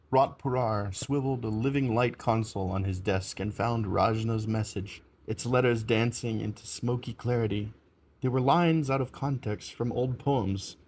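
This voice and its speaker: A man narrating an audiobook in a calm, measured reading. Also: mid-range voice, slight background noise. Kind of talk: scripted narration.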